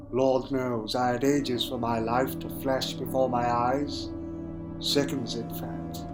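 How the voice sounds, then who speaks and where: A man's voice: medium pitch, natural voice. A man playing an eccentric, wry Time Lord adventurer, delivering a theatrical, brooding monologue in a fan audio drama. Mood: solemn, reflective. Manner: theatrical, brooding, with dramatic pauses and sudden exclamations.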